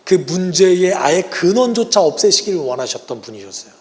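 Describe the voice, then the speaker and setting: A male pastor preaching a sermon and leading prayer, earnest, moving between hushed and raised passages. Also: high voice, sing-song, fairly quick. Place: church sanctuary. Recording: long church-hall reverb with soft instrumental music.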